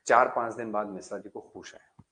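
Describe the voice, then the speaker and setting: A male engineering lecturer telling a humorous story in a lively, colloquial way. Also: on the low side, fairly quick.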